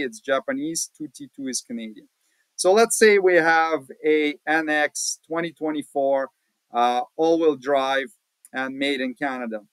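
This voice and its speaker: A man hosting a casual screen-share walkthrough, talking in a relaxed, plain-spoken way with many fillers, recorded at a home desk. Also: fairly high pitch, no room sound, low-quality recording. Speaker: automotive channel host.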